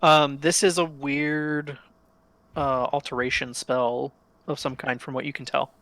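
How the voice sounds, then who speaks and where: A man's voice: medium pitch, little pitch movement, unhurried, fairly bright tone. A man running a tabletop role-playing game, describing scenes hesitantly with many fillers. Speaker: game master.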